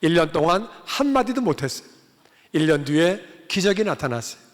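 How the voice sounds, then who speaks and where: Man, pastor, lively story-driven sermon, high voice, echoing sanctuary. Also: a little fast. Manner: animated, acting out family dialogue. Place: church sanctuary. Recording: long church-hall reverb.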